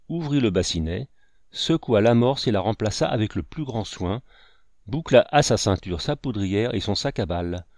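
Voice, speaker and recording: Low-voiced man narrating an audiobook. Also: darkish tone, no room sound, clean studio sound. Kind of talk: scripted narration.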